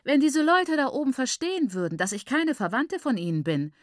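A woman voicing a steadfast younger sister who speaks firmly in a raised, high voice. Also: sing-song, a little fast, no echo, clean studio sound. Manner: firm, steadfast.

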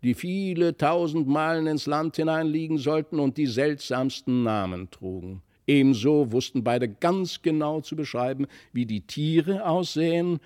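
A man reading a classic tale aloud in measured, even storytelling narration. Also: on the high side, no room sound, studio quality. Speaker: audiobook reader.

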